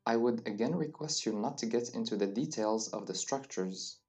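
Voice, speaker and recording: Faint background music and a distant mic frame a man teaching slow beginner French. His mid-range voice has a darkish tone and moves at normal speed as he patiently states each phrase, then says it again.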